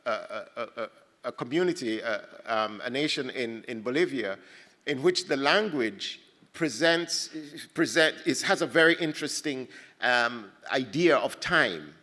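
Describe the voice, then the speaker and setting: A man from Ghana muses through a panel talk, stumbling over words and restarting as he gathers his thoughts. His voice is bright and ringing, and it hangs in the long reverb of a big hall. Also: medium pitch, expressive. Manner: halting, many restarts, thoughtful. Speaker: panel speaker at a poetry festival.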